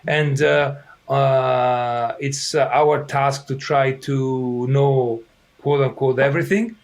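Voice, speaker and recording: A soccer coach from Italy, middle-aged and with an Italian accent, speaks at a medium pitch in a steady tone. His throat is a bit irritated as he works through interview answers in hesitant English, restarting and using fillers frequently.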